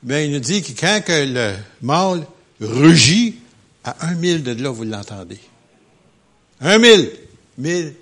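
A man preaching a sermon as pastor, animated and emphatic, with joking asides. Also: on the high side, measured pace.

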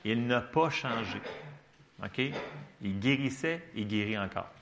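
A man's voice: mid-range voice, unhurried, muffled recording. A man preaching a sermon in a Quebec French accent, conversational and often checking in with his listeners. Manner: lively, conversational, checks in with the congregation. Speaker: pastor.

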